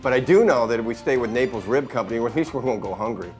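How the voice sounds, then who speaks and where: A man's voice: mid-range voice, animated, fast talker, darkish tone. Easygoing man in a radio ad. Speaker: ad voice playing a coach. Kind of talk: scripted radio ad. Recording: music bed behind.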